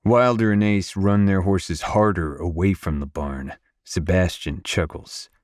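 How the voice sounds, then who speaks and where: A man narrating a romance audiobook in first person, in a gruff, brooding manner on a close studio mic. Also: sits low, steady tone, measured pace, darkish tone, dry recording.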